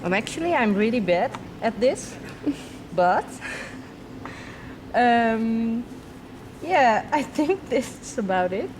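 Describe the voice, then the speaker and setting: A woman's voice: a little high, sing-song, slow, pauses often, a little mellow, slight background noise, low-quality recording. A woman answering an interview question in a self-deprecating, nervously laughing way.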